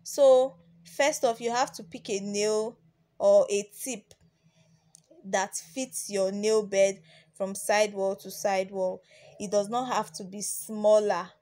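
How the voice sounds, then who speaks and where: A woman's voice: medium pitch, fairly even intonation, slow pace, warm tone. A young woman from Nigeria narrating a beginner nail tutorial as a voice-over, chatty, with plenty of ums and restarts. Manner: chatty, repeats herself, many ums and restarts. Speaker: nail tech teaching beginners. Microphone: voice-over recording.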